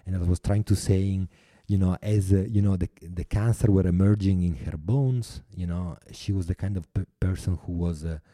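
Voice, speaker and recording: Italian guy, really low dark voice, talks slow and earnest with lots of uh's and restarts, dry close sound. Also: steady tone, no room sound. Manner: earnest, halting, with many restarts and fillers. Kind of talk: interview answers. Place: New York.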